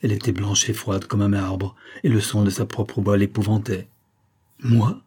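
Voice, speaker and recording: A man reading a romantic novel aloud at a measured, even pace. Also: lowish voice, husky. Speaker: audiobook reader.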